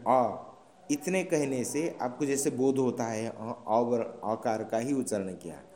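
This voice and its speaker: Slow, mellow-voiced male teacher in an echoing room. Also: medium pitch. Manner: slow, patient explaining with frequent checking questions. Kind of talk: classroom lecture on Sanskrit grammar. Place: classroom. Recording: roomy echoing room sound.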